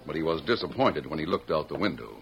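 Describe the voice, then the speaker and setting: A man's voice: extremely low pitch, sing-song, quick pace, fairly bright tone. A man narrating an old-time radio western as its announcer, in a scripted, storytelling style. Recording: dull old radio recording with music.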